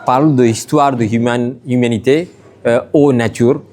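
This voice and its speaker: A man from Sri Lanka speaks in a broken, halting way, stopping often to search for words. His voice sits at a middle pitch, and he answers questions at a gallery show. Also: steady tone, darkish tone. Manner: halting, broken French with many hesitations. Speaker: artist. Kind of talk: interview at an exhibition.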